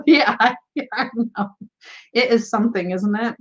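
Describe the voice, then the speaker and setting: A woman hosts a tarot livestream, chatting casually, reading viewers' comments aloud, and laughing often in a giggly, bubbly way. Her voice is slightly high and slow, and the recording has its highs cut off.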